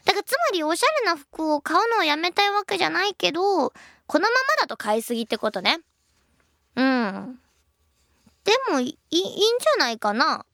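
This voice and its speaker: A young woman in her twenties hosting a radio show, reading listener letters and answering them in a chatty, playful way, her voice a little husky. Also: high voice, a little fast, no echo, studio quality. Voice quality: a bit husky, by her own account. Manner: lively, chatty and playful, laughs at her own slips.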